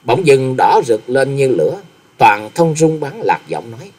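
Brief: male audiobook narrator, husky tone, lively rising and falling delivery. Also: medium pitch, unhurried. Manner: expressive storytelling.

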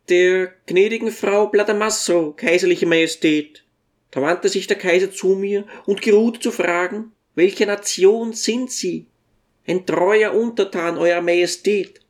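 A reader voicing a tiny, humble old dwarf who tells his story with gentle deference in an audiobook. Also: medium pitch, unhurried, lightly acted. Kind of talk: audiobook character reading.

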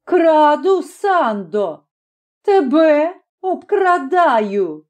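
A woman voicing a rough young village man in an audiobook, speaking curtly and mockingly. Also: sits high, takes it slowly, warm tone, voice pushed up. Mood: taunting. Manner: curt, taunting. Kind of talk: audiobook character voice.

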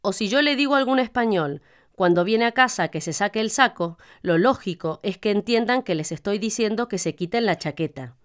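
An actress playing a young Argentine woman with an Argentine accent, calmly explaining in a scripted language-course monologue. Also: mid-range voice, natural voice. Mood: relaxed. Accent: Argentine Spanish. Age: young adult. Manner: calm, measured explaining. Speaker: student speaker in a listening exercise.

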